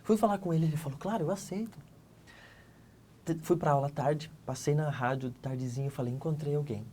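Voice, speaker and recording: A middle-aged man from Santa Catarina, Brazil, giving an interview as a guest and telling a personal story in a lively way, acting out the dialogue and swinging between loud and hushed. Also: on the high side, quick pace, slight background noise. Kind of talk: animated personal testimony.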